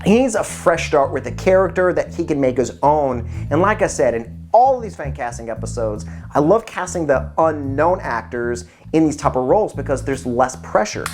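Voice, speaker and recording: A man chats to the camera as the host of his own channel, joking and going off on tangents. His voice swings up and down a lot as he talks. Soft music plays quietly in the background. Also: fairly high pitch. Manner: animated and joking, with asides to viewers. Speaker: YouTube host. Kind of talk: casual fan-casting commentary.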